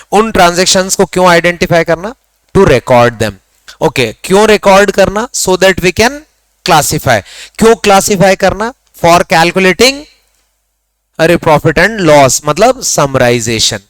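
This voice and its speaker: A male teacher runs a classroom lesson and keeps firing quick questions at his students. His voice sits a little high and sounds clean and smooth. The recording is dry, with no room echo around him. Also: fairly bright tone. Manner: quizzing students, mixing Hindi with English terms; dictates definitions slowly, word by word. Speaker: accounts teacher. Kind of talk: classroom lecture.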